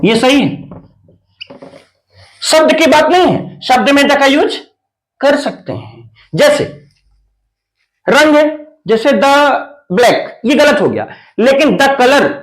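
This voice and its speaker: A man's voice: very high-pitched, very animated, takes it slowly, pauses often, low-quality recording. A man teaching English grammar in Hindi, working through examples and asking the listener rhetorical questions. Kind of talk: classroom-style grammar explanation.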